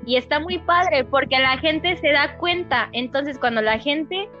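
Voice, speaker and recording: Young Mexican woman, podcast guest; animated, expressive storyteller. Muffled lo-fi audio with a faint music bed. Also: sits high, measured pace. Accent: Mexican Spanish. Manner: animated and expressive, acts out quotes. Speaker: podcast guest, singer and dubber. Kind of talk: casual chat. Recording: dull lo-fi sound, faint music.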